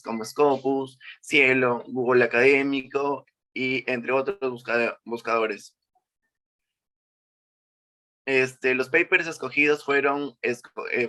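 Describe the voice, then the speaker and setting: A man's voice: medium pitch, bright, forceful tone. A 21-year-old man giving a class presentation, walking through slides with frequent "eh" and "este" fillers. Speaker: student presenter.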